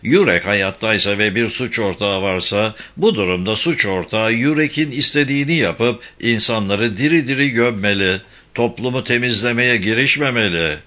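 A man reading an audiobook, voicing a calm male police chief who speaks gently and measuredly. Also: lowish voice, moderate pace, hardly any pauses.

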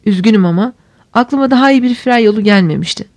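A woman voicing a brisk older woman leading an escape, calm and commanding in an audiobook reading. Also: medium pitch, no echo. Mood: wry.

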